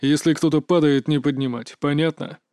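A man's voice: a little high, steady tone, normal speed, warm tone, clear, resonant tone, no echo, clean studio sound, lightly acted. A man voicing a tough male squad commander who gives short, curt orders. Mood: commanding.

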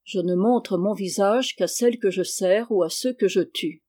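An arrogant count in full armor from an audiobook, calm and quietly threatening, voiced by a reader. His words are measured and unhurried, in a dark, mellow tone. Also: mid-range voice, natural voice. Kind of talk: audiobook character reading.

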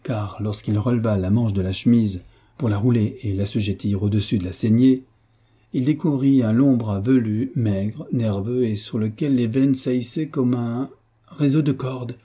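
Husky, low-voiced male reader for a classic novel, measured narration. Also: mellow. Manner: measured literary reading. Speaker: audiobook reader. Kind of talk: scripted narration.

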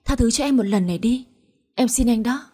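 A woman voicing a guilt-ridden young wife who pleads tearfully, in a slightly husky voice. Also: a little high, animated, quick pace, dark tone. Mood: pleading.

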